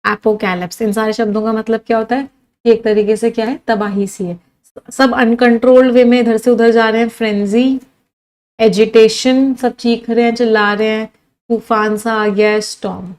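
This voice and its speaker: A woman's voice: fairly high pitch, fairly even intonation, moderate pace, darkish tone, low-quality recording. Indian woman teaching English vocabulary. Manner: lists words one by one, quizzes students. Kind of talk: online vocabulary lesson.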